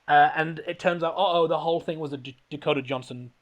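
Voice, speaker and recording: A man's voice: fairly high pitch, fast talker. A man hosting a podcast, rambling and laughing as he recaps a film in casual comedic chat. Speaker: podcast host.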